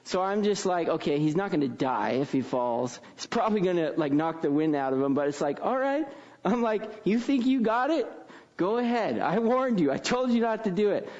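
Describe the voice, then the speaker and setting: Male pastor, light high voice, casual storytelling sermon delivery, muffled lo-fi recording. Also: big pitch swings, moderate pace, a little mellow. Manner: casual, frequent tag questions.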